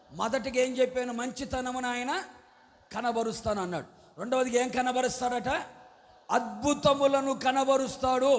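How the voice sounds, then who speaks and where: A male pastor preaching a sermon and calling on the congregation to answer loudly. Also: very high-pitched, a little hiss or hum. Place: large church hall. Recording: long hall reverb.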